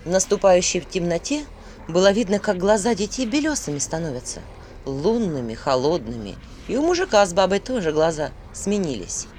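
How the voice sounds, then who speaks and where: Expressive fairy-tale audiobook narrator. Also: mid-range voice, normal speed, slight background noise. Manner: expressive storytelling.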